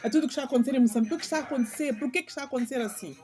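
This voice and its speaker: A woman's voice: high voice, racing, dark tone. Middle-aged woman with a slight lisp. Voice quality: slight lisp, tongue-tied speech. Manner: earnest, preaching, rhetorical questions. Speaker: channel host. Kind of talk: spiritual commentary vlog, speaking off the cuff.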